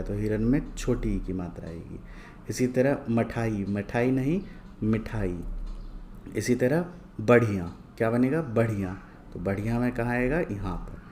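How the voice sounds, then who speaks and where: A man teaching a lesson from worksheets, reading each word twice, slowly and clearly, and asking questions he then answers himself. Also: lowish voice, warm tone, slight background noise. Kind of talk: slow, patient lesson going through worksheets.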